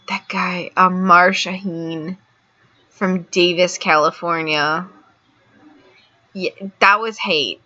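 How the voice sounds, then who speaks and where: Woman ranting on her vlog, slow and rambly with lots of likes and ums, bright voice. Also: fairly low pitch, lo-fi sound. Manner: sarcastic outbursts between slow rambling asides; frequent "like" and "um" fillers. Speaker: political commentary vlogger. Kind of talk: casual commentary.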